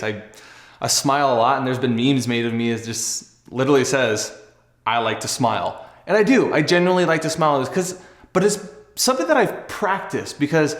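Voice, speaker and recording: In an echoey room, a young adult athlete and video host talks to camera about something personal. His medium-pitched voice carries a casual, earnest, conversational and reflective tone.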